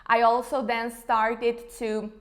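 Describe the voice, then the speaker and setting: A woman's voice: fairly high pitch, flat delivery, takes it slowly. A woman in her thirties from Slovenia, an English speaker, chatting casually in an interview with frequent fillers like "you know". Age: 30s. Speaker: interview guest, face yoga founder.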